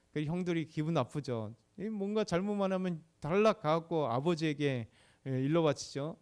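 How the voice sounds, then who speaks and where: A man's voice: fairly high pitch, darkish tone. A middle-aged male pastor giving a sermon in a conversational way, often asking the congregation short questions.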